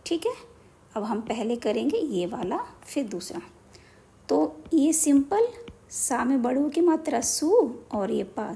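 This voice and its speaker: A woman's voice: sits high, gravelly, warm tone. A woman teaching young children a basic lesson, speaking patiently and repeating each word so they can follow. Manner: slow, patient, repeats words for young learners.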